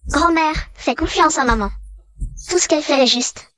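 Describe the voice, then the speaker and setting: A woman's voice: high voice, normal speed, fairly bright tone, no room sound. A woman playing a small, sweet, trusting child in a dubbed drama. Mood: earnest, reassuring. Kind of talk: dubbed short-drama acting.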